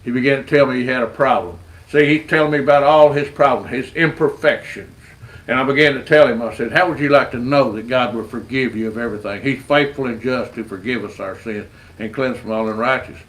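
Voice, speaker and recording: A man's voice: medium pitch, fairly quick, a bit bright, poor audio. Earnest man preaching. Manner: earnest, folksy storytelling with stammered repeats. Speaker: street rodder sharing his faith. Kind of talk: evangelistic testimony.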